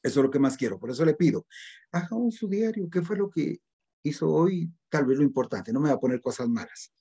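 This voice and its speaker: A man's voice: on the high side, expressive, fairly quick, dark tone, husky, muffled recording. A middle-aged man with a Guatemalan Spanish accent, giving a recorded literature class and earnestly urging his students to read and write well. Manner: earnest, exhorting, addresses students formally. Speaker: literature teacher.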